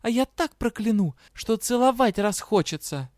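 A bold young student sorceress who answers back fast and never backs down, played by a male reader. Her voice sits well above his own, lifted and bright with defiance. The sound is dry and close, with no room around it. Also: high-pitched, expressive, no echo, voice pushed up. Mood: defiant. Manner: defiant, quick retorts. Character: spirited young woman, sharp-tongued student sorceress. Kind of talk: audiobook character voice.

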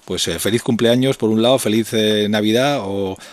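A male radio host who interviews a guest and speaks hesitantly, filling his sentences with pauses and fillers. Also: fairly low pitch, no room sound. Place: radio studio.

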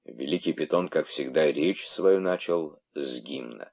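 Deep-voiced man reading a fable. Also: a little slow, creaky, darkish tone. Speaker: narrator. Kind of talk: audiobook narration of satirical fable.

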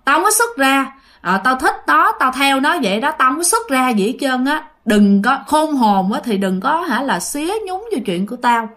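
Ghost-story spirit, put on by a woman: hostile, rough-spoken female ghost, Southern Vietnamese accent. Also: sits high, big pitch swings, moderate pace, fairly bright tone. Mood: defiant. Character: angry possessing female spirit, defiant then begging.

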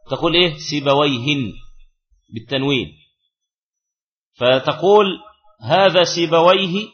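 A man's voice: fairly high pitch, lo-fi sound. A man teaching a classical grammar lesson, who repeats key phrases and puts questions to his students.

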